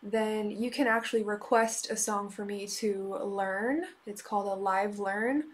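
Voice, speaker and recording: A woman chatting casually on a live music stream, relaxed and unhurried, with frequent "um" pauses. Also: medium pitch. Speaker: live-stream musician taking song requests.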